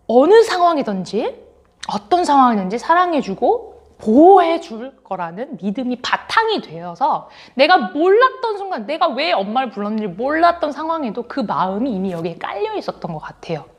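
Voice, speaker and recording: Lively high-voiced woman preaching to children. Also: normal speed. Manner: animated, acts out quotes, laughs while telling. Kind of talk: children's sermon storytelling.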